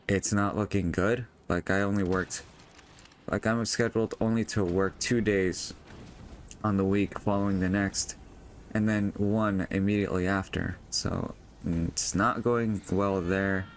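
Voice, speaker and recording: A man's voice: low-pitched, a little hiss or hum. Young man rambling casually over gameplay. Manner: rambling, frequent fillers and restarts. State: voice feels strained and odd. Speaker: vlogger.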